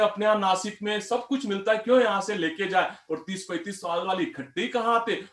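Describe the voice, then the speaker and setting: High-voiced middle-aged male motivational speaker. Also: fairly bright tone, reverberant. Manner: anecdotal, addresses the audience as friends. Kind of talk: storytelling motivational speech.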